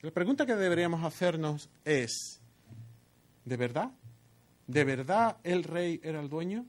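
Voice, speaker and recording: A man's voice: a little high, animated, a little slow. A man preaching a sermon, explaining a Bible passage with rhetorical questions and frequent "¿no?" tags. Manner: expository, asks rhetorical questions, tag "¿no?". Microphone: headset earpiece.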